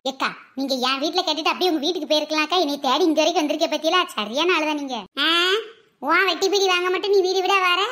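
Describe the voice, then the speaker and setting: High-pitched woman. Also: fairly bright tone. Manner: chatty, teasing, quick village banter. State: sore throat. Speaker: comedy skit performer. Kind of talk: comic village-gossip skit voicing several women.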